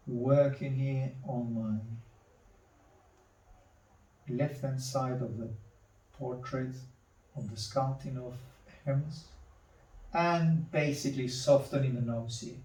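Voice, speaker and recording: A man demonstrating charcoal drawing, talking slowly to himself as he works and repeating words under his breath. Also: medium pitch, vocal fry, a little mellow. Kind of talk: thinking-aloud drawing demonstration. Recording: roomy, mic at a distance.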